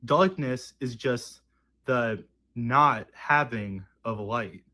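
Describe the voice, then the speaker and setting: Man, average pitch, casual explanatory talk, didactic, conversational. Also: extremely slow, pushed and bright. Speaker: video speaker explaining religious belief.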